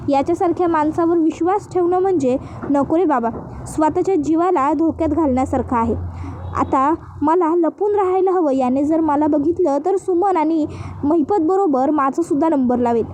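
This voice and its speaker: A woman's voice: high voice, moderate pace, warm tone, a little hiss or hum, natural voice. A woman voicing a scheming young woman who turns urgent and pleading, in a storybook recap.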